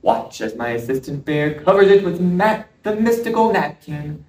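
A man voicing a showy young male squirrel magician, calling out in a drawn-out, booming showman delivery. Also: sing-song, darkish tone, slight background noise. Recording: roomy sound from a distance.

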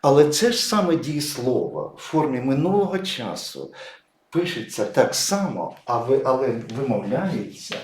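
A man's voice: medium pitch, expressive, normal speed, darkish tone, roomy sound, a little hiss or hum. A man teaching English pronunciation patiently, writing words and stressing each example. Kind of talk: explaining pronunciation at a whiteboard.

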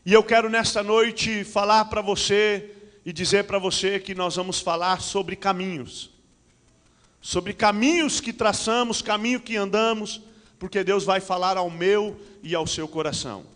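A man's voice: high voice, fairly even intonation, unhurried, a bit bright. A middle-aged man with a Brazilian Portuguese accent, a pastor giving church announcements and then preaching into a handheld microphone, with frequent amens and hallelujahs. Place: large church hall with curtains and stage. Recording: reverberant church hall.

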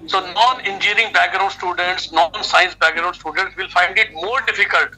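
On a video call played through a phone speaker, a middle-aged Indian-accented man speaks as an expert guest and education adviser, giving emphatic explanations in interview talk. He has a high, sharp voice at a normal speed, and the recording quality is low.

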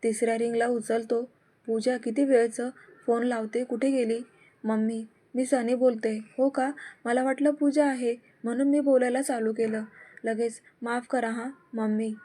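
Woman, story narrator, slightly high voice, mellow tone, steady reading of all dialogue. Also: normal speed. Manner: reads every character in one steady voice.

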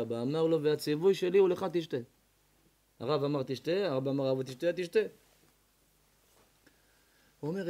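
A male rabbi telling a story in a sermon, acting out each character's lines and swinging from loud to hushed. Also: high voice. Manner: dramatic, voicing characters in the tales with big swings in loudness. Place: evening lecture before an audience.

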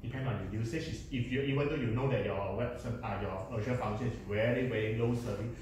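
A man joining a casual tech discussion, talking in quick bursts and often restarting. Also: medium pitch, darkish tone. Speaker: audience member at a meetup. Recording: distant, echoey room with noise.

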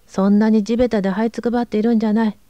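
A woman's voice: on the high side, little pitch movement, rapid-fire, warm tone, dry recording, lo-fi sound, close to an everyday voice. A woman reading aloud, voicing a harsh, domineering middle-aged father who barks orders. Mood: gruff. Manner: gruff, barking orders.

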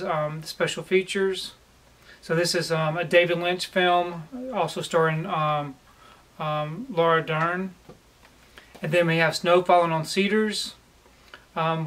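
A man in his forties talks in a relaxed, plain way, filling the gaps with um. His voice sits fairly high for a man. He sits at home in a room lined with shelves and speaks toward the camera. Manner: relaxed and plain, with frequent "um" pauses. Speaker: collector vlogger. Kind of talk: casual haul video.

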